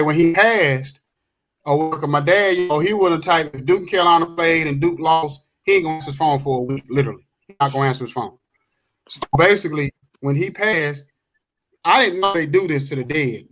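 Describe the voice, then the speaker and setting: Laid-back man with a higher voice. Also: fairly quick, a bit bright, a little hiss or hum, low-quality recording. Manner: laid-back, repeats phrases, laughs often. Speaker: podcast co-host. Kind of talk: casual sports chat.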